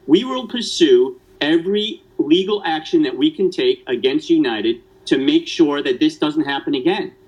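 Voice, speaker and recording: A male attorney speaking forcefully and indignantly in a news interview. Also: fairly high pitch, animated, normal speed, few pauses, slightly rough, low-quality recording.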